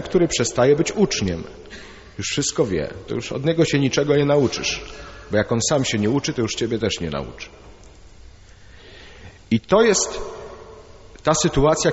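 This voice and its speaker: A man, a priest giving a homily, chatting informally with anecdotes and fillers. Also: mid-range voice. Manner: conversational, hesitant fillers, tells jokes. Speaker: priest preaching. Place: church. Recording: reverberant dull church sound.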